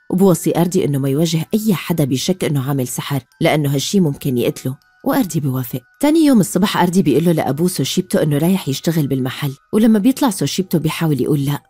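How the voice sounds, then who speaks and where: A woman with a Levantine Arabic accent narrating a film recap in a brisk, even storytelling style. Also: low voice, breathy edge, dry recording.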